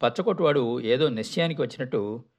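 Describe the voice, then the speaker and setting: A man reading a story aloud in a measured, descriptive narration. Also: medium pitch, lively intonation.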